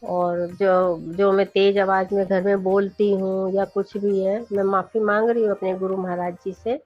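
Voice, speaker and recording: A woman's voice: medium pitch, flat delivery, normal speed, dry recording. A middle-aged woman sharing a devotional testimony, speaking earnestly and often turning to address her listeners directly. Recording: dull, dry recording with faint background music.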